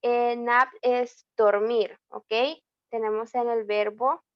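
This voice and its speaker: A Salvadoran woman tutors an online English lesson, mixing Spanish and English and checking in with a frequent "ok?". Her voice sits slightly high and moves at a slow, patient pace. The dry, dull audio sounds like a computer mic in a video class. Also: little pitch movement, no room sound. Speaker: English teacher.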